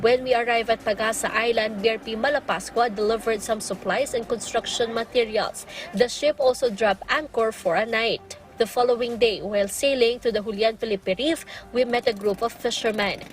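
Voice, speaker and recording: A woman's voice: fairly high pitch, fairly even intonation, normal speed, soft background music, rough recording. Filipino woman narrating a news report.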